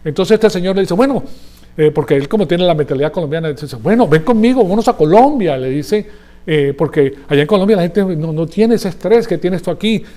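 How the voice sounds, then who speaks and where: A man preaches in Spanish in a chatty, teaching manner, often turning to his listeners to check they follow. His voice is mellow and soft-edged and sits slightly high for a man. His delivery comes across as that of a church sermon to a gathered congregation. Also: animated, brisk. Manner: conversational, asks the audience for agreement.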